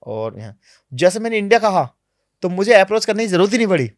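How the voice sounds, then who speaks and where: A man being interviewed on a podcast, telling travel stories in a lively, animated way, sometimes dropping to low, quiet asides. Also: quick pace, no room sound, studio quality. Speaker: travel vlogger guest. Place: podcast studio.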